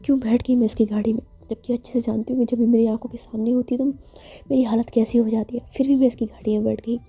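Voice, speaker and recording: A woman storyteller voicing a shy, nervous young female student who stammers and gets flustered, in a husky, dark voice. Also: a little high, level tone, fast. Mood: self-scolding.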